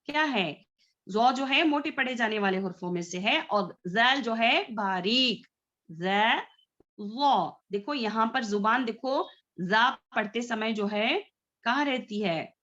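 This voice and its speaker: A woman's voice: fairly high pitch, a little slow, sharp tone, dull audio. A woman teaching a Tajweed recitation class, patiently drawing out letter sounds and often checking that students follow. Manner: frequent checks for understanding.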